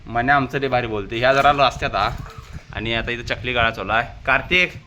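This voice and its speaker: Man filming family at home, bright voice, teasing the kids, bit of background noise. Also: mid-range voice, fairly quick. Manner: teasing, coaxing shy children. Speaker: vlogger interviewing family kids. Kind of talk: casual family vlog chat.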